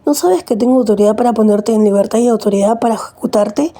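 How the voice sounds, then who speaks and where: Stern male governor, questioning; woman reader voices him with a dark husky tone. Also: a little high, fast. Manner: read plainly in the reader's own voice.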